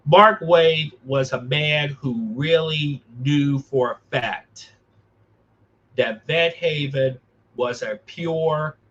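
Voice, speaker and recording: A man with a mid-pitched voice on a dull, lo-fi recording. He hosts in an earnest, conversational style, halting and then restating phrases with emphasis. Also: a bit bright. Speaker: podcast host and ventriloquist.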